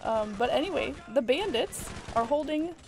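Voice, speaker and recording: This woman's voice is high-pitched and animated, moving at a moderate pace as she co-hosts a couch co-op let's play. She explains the quests thoroughly, laughing a lot in relaxed gameplay banter over background game music.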